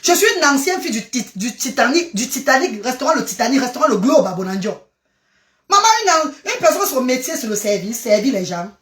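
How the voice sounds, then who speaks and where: A woman chatting in a casual live stream, animated and exclamatory, jumping from one topic to the next. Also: on the high side, fast talker, few pauses. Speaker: social media live streamer. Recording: roomy echo.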